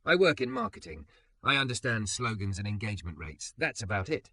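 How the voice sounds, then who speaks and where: A man's voice: fairly low pitch, wildly swooping pitch, a little fast, vocal fry, sharp tone, no room sound, exaggerated voice. A man voicing a remorseful young woman marketer, emotional and close to tears. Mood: rueful. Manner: emotional, voice catching.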